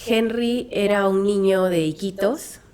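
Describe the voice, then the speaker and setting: A woman's voice: mid-range voice, steady tone, measured pace, darkish tone, clean tone. A Peruvian woman, a hospice founder, speaking in an earnest, reflective way and telling a story in an interview, with frequent fillers and restarts. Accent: Peruvian Spanish. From Peru. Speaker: guest, founder of a children's hospice.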